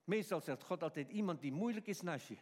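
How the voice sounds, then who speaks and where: High-voiced preacher in an echoing church. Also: male voice, brisk. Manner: animated, acting out quotes, chuckling. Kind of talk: sermon. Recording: long reverb of a church hall.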